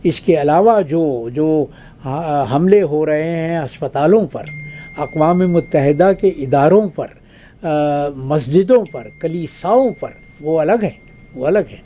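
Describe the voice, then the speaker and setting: An older man from Pakistan speaks as a guest analyst with a slightly high yet mellow voice. His talk is measured and formal, with long pauses and drawn-out fillers between his points. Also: expressive, slight background noise. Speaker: guest analyst, retired diplomat. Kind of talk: formal spoken commentary.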